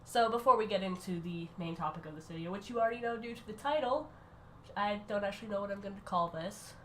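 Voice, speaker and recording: A woman who is sick, giving a casual rambling voice-over that keeps breaking off and restarting in quick bursts. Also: mid-range voice, pushed and bright, a little hiss or hum. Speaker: art channel creator.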